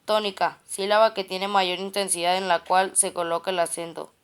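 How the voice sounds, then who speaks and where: Woman, clear smooth voice, reads grammar notes aloud term by term, stumbles and restarts often. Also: mid-range voice, little pitch movement, moderate pace. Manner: reads a list of terms and definitions, with frequent restarts on words.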